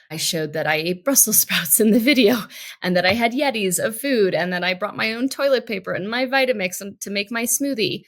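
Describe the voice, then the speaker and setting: Chatty lower-pitched woman host. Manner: chatty, animated, laughs often. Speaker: podcast host. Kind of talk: casual chat.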